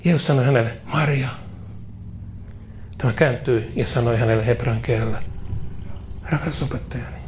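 A man's voice: mid-range voice, long pauses, darkish tone, a little hiss or hum. A man preaching a fervent sermon, emphatic and full of repetitions.

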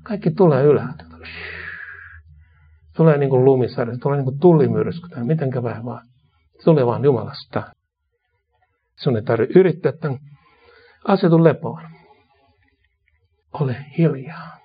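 A man preaching a sermon and leading a slow, repetitive prayer. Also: medium pitch, husky. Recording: dull lo-fi recording.

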